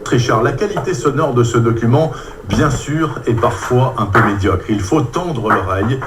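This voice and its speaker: A man presenting morning radio news in a measured, formal way. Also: mid-range voice, animated, noisy background.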